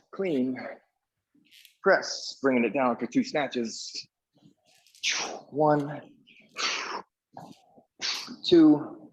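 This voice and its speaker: A man's voice: medium pitch, husky, muffled recording. A man coaching a live workout in an echoey indoor room, giving short cues and counting reps as he exercises along. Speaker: fitness coach leading a workout class.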